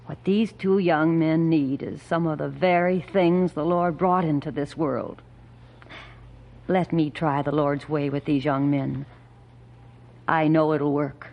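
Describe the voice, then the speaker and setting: A gentle yet firm older widow from an old radio show. Her voice sits unusually low for a woman, calm and earnest, turning solemn when she reads scripture. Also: takes it slowly, vocal fry, dull audio, exaggerated voice. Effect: old radio show broadcast. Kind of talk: 1950s radio drama acting.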